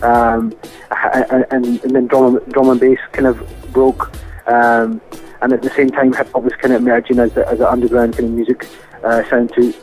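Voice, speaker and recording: A man's voice: mid-range voice, little pitch movement, normal speed, a little mellow, soft background music, low-quality recording. A man with a Scottish accent giving a casual interview as a musician guest over the phone, speaking in a hesitant, thoughtful way. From Scotland. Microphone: phone line.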